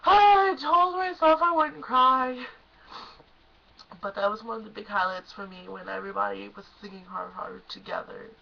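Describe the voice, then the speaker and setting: Gushing young woman with a bright, gravelly voice. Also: fairly high pitch, moderate pace, dull audio, slight background noise. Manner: gushing, emotional, lots of "like" and "oh my gosh". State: choked up. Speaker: concert fan vlogger. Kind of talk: excited casual recap.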